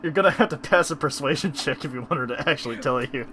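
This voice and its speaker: A man's voice: mid-range voice, fast, noisy background. A man running a tabletop game as game master over voice chat, explaining rules patiently and laughing often. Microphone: online voice chat.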